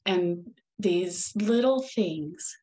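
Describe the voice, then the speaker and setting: A woman's voice: on the low side, expressive, drawn-out words, mellow, rough recording. A middle-aged woman hosting her own podcast, talking in an earnest, upbeat, encouraging way. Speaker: podcast host. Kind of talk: solo podcast talk.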